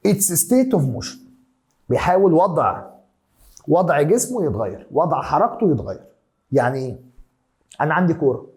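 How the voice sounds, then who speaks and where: A man's voice: fairly high pitch, a little mellow. A man with an Egyptian accent teaching a science lesson, repeating key terms and mixing in English words. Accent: Egyptian Arabic. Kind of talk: classroom lesson explanation.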